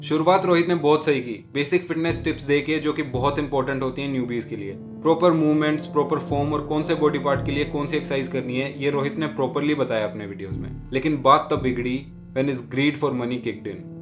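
A man narrating a scripted commentary in a measured, critical way, slipping English phrases into his speech. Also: mid-range voice. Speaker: commentary channel host. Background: background music.

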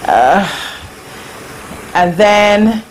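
A Barbadian woman, an interview guest, casually recalls her past over a webcam video call from her living room at home. Her mid-range, expressive voice is slow and reflective, halting often with fillers. The low-quality recording carries a faint hiss.

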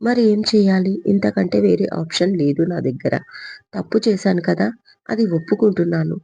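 A woman's voice: mid-range voice, normal speed, creaky, warm tone, slightly rough, dry recording. A woman voicing a remorseful young husband who pleads, in an audio story. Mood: pleading. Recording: dull lo-fi recording.

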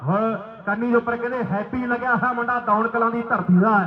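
A man's voice: very high-pitched, fairly even intonation, a little fast, reverberant, dull audio. A man giving frantic live commentary at a village kabaddi match, chanting short repeated phrases. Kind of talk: live rural sports commentary. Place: outdoor village sports ground.

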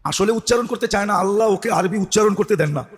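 A man's voice: sits high, fast, big-room sound. A middle-aged man preaching a sermon, firing rhetorical questions at the crowd and scolding in an emphatic way. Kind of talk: Bengali waz sermon.

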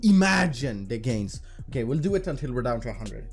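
A man with a mid-pitched voice chats casually to viewers while streaming slots. He talks in slangy, sweary bro speak, with music behind him. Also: sing-song, fairly quick, husky. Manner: profane, slangy bro talk. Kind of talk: casual gambling commentary to viewers.

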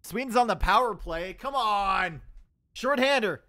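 This esports caster has a high-sitting voice, a Canadian accent, and a slightly slow delivery, with no room sound. His live match commentary is chatty and joking, full of banter with chat and dry sarcasm, and turns into loud, excited shouting when tension rises.

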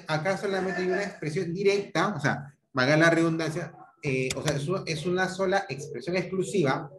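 Man, Peruvian Spanish accent, online grammar teacher, explanatory, slightly high voice, echoey room. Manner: explanatory, checks in with "¿correcto?" and "¿ok?". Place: home room on a video call. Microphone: computer mic on a video call.

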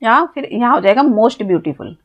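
A woman's voice: on the high side, animated, measured pace, husky, lo-fi sound. A woman with an Indian accent teaching an English grammar lesson, explaining step by step, spelling words out letter by letter, and asking questions that she then answers herself. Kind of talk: classroom-style grammar lesson.

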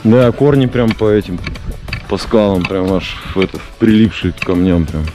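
A man's voice: sits low, normal speed. A man chatting enthusiastically and casually while walking around an outdoor jungle site, with lots of fillers. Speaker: vlogger touring a building site. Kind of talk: casual walk-and-talk. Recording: loud music over the voice.

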